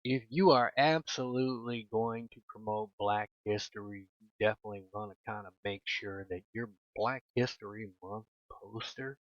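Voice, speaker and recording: A man's voice: fairly low pitch, moderate pace, no room sound, highs cut off. A man giving casual gameplay commentary as a gaming YouTuber, ranting in an exasperated tone and repeating his points for emphasis.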